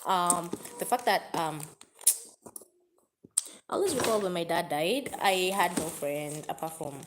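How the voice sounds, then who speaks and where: Woman on a live stream, kinda low voice, talking open and emotional to her viewers. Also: unhurried, noisy background. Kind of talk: casual confessional live chat.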